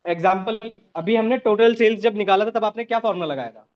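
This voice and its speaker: A man teaches a live online class, pausing often to check on his students. His voice sits high. The recording is dull and lo-fi.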